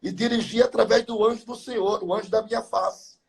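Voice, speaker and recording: Older pastor guy preaching in a chat, husky gravelly voice, high pitched, just keeps rolling through bible stories. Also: fairly even intonation, a little fast. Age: 70s. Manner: fervent storytelling with biblical numbers and wordplay. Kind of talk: preaching chat in a live talk.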